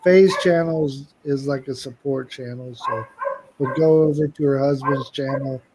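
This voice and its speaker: A man co-hosting a casual live stream with his wife, chatting loosely, thanking viewers by name and filling pauses with "uh". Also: medium pitch, steady tone, noisy background. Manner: chatty, shouts out viewers, many "uh" fillers.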